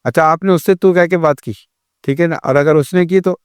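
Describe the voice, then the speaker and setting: A man's voice: fairly high pitch, smooth, no room sound, clean studio sound. A man as a religious scholar guest, patiently explaining good manners with everyday examples. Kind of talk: advice talk in a studio discussion.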